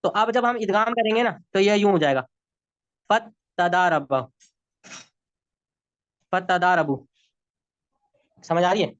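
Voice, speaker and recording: High-voiced Urdu-accented male teacher. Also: fast, hardly any pauses, fairly bright tone, clear, resonant tone, dry recording, lo-fi sound. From Pakistan. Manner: patient, repeats rules, checks understanding. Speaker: Arabic grammar teacher. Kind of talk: online class lesson. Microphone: video call.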